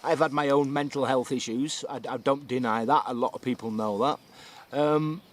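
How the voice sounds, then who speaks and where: A man's voice: medium pitch, fairly even intonation, moderate pace. A man talking casually to camera outdoors, explaining things in a conversational way and often checking in with the listener. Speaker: survival instructor and vlogger. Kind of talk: casual book review to camera. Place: outdoors beside a stream.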